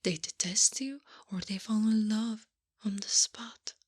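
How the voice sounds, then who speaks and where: At a measured pace, with a breathy edge to her mid-range voice, she comes across earnest and concerned. The speaker, from Italy, is role-playing a doting, bossy, teasing wife in gentle, frequently whispered ASMR, coaxing her husband with pet names and soft reprimands as she mothers him.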